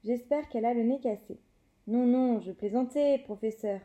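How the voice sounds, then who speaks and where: Woman reading as a teasing schoolboy commentator, lively play-by-play, slightly high, warm tone. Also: slow, lo-fi sound. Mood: excited. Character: excited boy match commentator.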